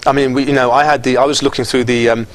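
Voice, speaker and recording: Earnest halting middle-aged man. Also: medium pitch, flat delivery, rough recording. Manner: earnest, halting, repeats words. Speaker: football association official. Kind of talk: interview answers.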